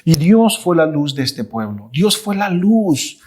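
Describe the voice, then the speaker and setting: A man teaching the Bible in a sermon style, emphatic and repetitive. He keeps checking in with the listeners, and his voice sits a little high for a man. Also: sing-song, slow pace, a little mellow, husky.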